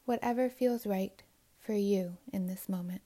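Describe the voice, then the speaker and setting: Soothing and unhurried, a woman with a mid-range voice leads a guided meditation. Her phrase endings are soft and breathy, and she leaves long pauses between them.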